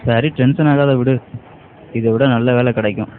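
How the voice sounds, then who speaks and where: A man's voice: medium pitch, steady tone, moderate pace, a little hiss or hum, close to an everyday voice. A young man playing a jobless friend who casually teases his mate about jobs. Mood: teasing. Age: young adult. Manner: teasing, casual. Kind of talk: short film acting. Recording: phone-like audio with music.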